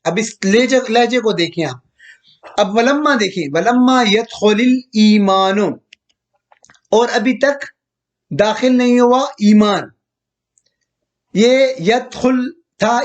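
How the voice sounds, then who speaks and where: A male teacher giving a recorded slide lecture, who repeats each point, slowly draws out quoted verses and asks listeners whether they have understood. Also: high-pitched. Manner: checks understanding with questions to listeners. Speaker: grammar teacher.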